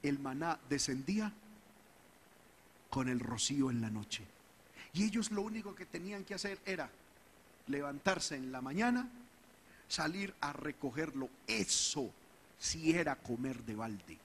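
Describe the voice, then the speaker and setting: A man's voice: a little high, lively intonation, unhurried, pauses often, big-room sound, a little hiss or hum. A man preaching a sermon as a pastor, his delivery climbing in fervor as he acts out the people's complaints. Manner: preaching with rising fervor, acting out the people's whining.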